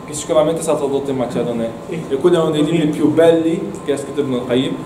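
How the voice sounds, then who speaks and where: A man's voice: a little high, quick pace, background noise. Man teaching a class in an echoey room. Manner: encouraging, repeats words for students. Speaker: Arabic teacher. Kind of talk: classroom lesson. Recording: echoey room, mic far off.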